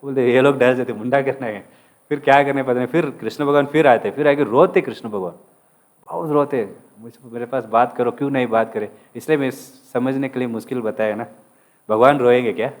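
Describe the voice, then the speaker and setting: A man's voice: mid-range voice, fairly quick. A man giving a sermon as a casual story, acting out the lines of its figures and mixing English words into his speech. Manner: mixes English words into Hindi. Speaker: preacher telling a devotional story.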